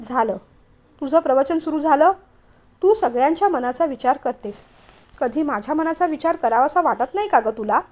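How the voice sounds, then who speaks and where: Bitter young husband, accusing, sulky, high voice, read by a woman storyteller. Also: expressive, moderate pace, a little mellow. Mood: resentful. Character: resentful young married man, bitter toward family.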